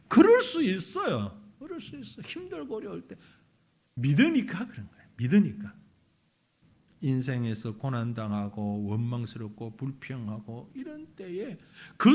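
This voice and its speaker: A male pastor preaching a sermon in an animated way, acting out the laments he quotes. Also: mid-range voice.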